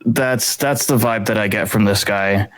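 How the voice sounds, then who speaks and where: A man's voice: fairly low pitch, a little slow, fairly bright tone. A man co-hosting a podcast, talking casually about a book in a rambling way, with lots of fillers and easy laughs. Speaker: podcast co-host.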